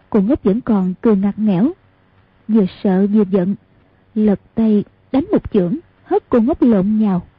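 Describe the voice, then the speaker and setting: Audiobook narrator: woman, very husky, tinny phone-like sound, measured reading. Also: on the high side, no room sound. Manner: even, measured reading, voicing each character. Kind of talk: scripted storybook narration.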